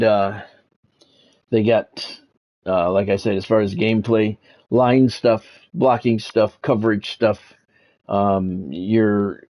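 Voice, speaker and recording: Commentating on a sports video game he's streaming, a middle-aged man talks casually with a blunt, sardonic edge. His voice is somewhat low and a little mellow.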